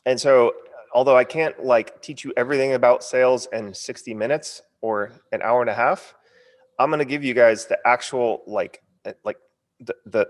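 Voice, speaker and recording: A man's voice: mid-range voice, long reverb tail. An American man coaching a casual sales webinar, punchy and informal, stumbling a little over his words as if his lip is numb from the dentist. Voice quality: stumbling, numb-lipped speech from a partly numb lip. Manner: informal, punchy, frequent check-in tags. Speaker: online course coach.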